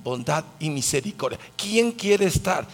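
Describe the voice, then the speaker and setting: A man's voice: a little high, unhurried, creaky. A man teaching the Bible in a conversational way, putting questions to the audience. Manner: asks the audience questions, lively.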